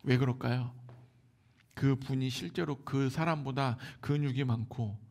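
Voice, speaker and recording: A man with a Seoul Korean accent preaching a Sunday sermon, moving between hushed near-whispers and loud exclamations. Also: mid-range voice, a little slow, vocal fry. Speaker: pastor.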